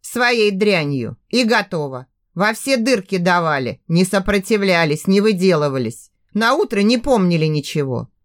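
A woman's voice: medium pitch, lively intonation, normal speed, hardly any pauses, close to an everyday voice. A woman voicing a ruthless middle-aged male police captain with a harsh, growling manner. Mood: cold.

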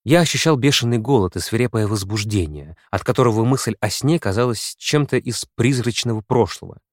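A man with a low, dark voice narrates a first-person audiobook in a measured, brooding way. The recording is dry and close, with no room echo. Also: lively intonation.

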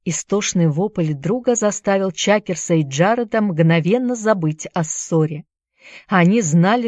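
A woman with a fairly low voice reads a story aloud at a steady pace. She is recorded close to the microphone. The sound is dry and dead, with no room echo. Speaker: audiobook narrator. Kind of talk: scripted narration.

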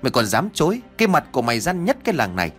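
A man voicing a gruff, hot-tempered male villager who harshly accuses another. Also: medium pitch, wildly swooping pitch, very fast, fairly bright tone, faint music behind, voice pushed up. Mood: angry. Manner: harsh, scolding.

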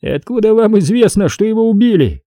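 A man voicing a sneering, smoking male police officer who needles a suspect in a high, mocking voice. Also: lively intonation, a little fast, dark tone, dry recording, clean studio sound. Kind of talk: audiobook character voice.

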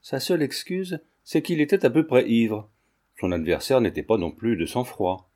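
An earnest young man in a storybook, as a reader puts him on, explaining himself defensively. The voice is mellow and darkish, at an ordinary pitch. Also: lively intonation, moderate pace, natural voice.

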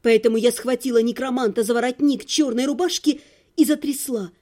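A woman with a high voice reads a first-person audiobook. Her narration is even and expressive, in a storytelling style. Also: fairly quick.

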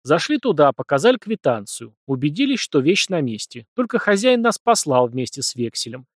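A calm, deadpan teenage boy, voiced by a male narrator in an audiobook, speaking in short flat sentences without emotion. The voice stays close to the reader's own, just a little higher. It is recorded dry and close. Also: fairly quick, dry recording.

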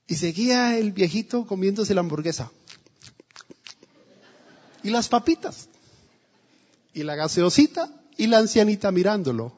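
A man's voice: high-pitched, big pitch swings, a little slow, pauses often, a little mellow. A male pastor preaching a sermon in a church, telling a story and acting out the quotes. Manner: storytelling with acted quotes, emphatic. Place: church hall. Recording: dull, echoey church recording.

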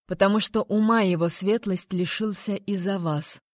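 A woman voicing a stern, gruff male court magician, muttering in a lower, quieter tone, recorded dry. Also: fairly even intonation, normal speed, dry recording, close to an everyday voice.

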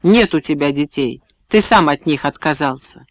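Brief: male reader doing an embittered young wife, sharp and resolute, dry close read. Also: on the high side, expressive, normal speed, no echo, lightly acted. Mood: cold. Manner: cold, cutting retorts.

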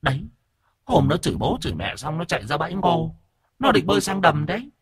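A man voicing the bitter ghost of a miscarried child, speaking in a high, thin, drawn-out whine and cursing the family. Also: very animated, breathy edge, dry recording, studio quality, exaggerated voice. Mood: sullen boasting. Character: wailing ghost of an unborn child, bitter, vengeful.

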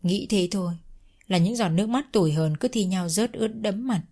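A woman's voice: medium pitch, normal speed, dark tone. A woman telling a family drama story in the first person as scripted narration.

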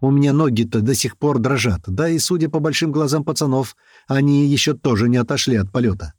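A man reading a first-person action story aloud, switching to loud, higher voices for the characters. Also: brisk, no room sound, clean studio sound. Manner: lively, raising pitch and shouting for quoted characters. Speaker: audiobook narrator.

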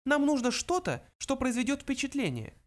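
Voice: high voice, very animated, normal speed, voice pushed up. An audiobook reader voicing Benjy, a cold, imperious little lab mouse who speaks curtly and dismissively. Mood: commanding. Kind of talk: audiobook character reading.

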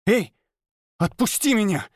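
A man voicing a spoiled, hot-tempered young noble girl who shrieks and hisses in a shrill, high voice. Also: lively intonation, slow, dry recording, clean studio sound, heavily acted. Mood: hissing.

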